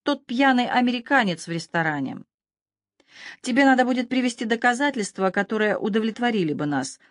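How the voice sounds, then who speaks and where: A woman's voice: a little high, expressive, fairly quick, no echo, studio quality, pitched above the performer's own voice, close to an everyday voice. A woman voicing a cold, commanding male gangster in an audiobook thriller, speaking curtly. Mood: cold menace. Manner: cold, curt, ordering. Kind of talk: audiobook character voice.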